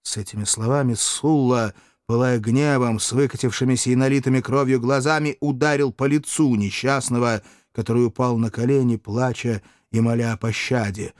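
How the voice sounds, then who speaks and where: Guy reading an audiobook, steady and even, dry close sound. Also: medium pitch, moderate pace, few pauses, no echo. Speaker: narrator. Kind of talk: audiobook reading of a historical novel.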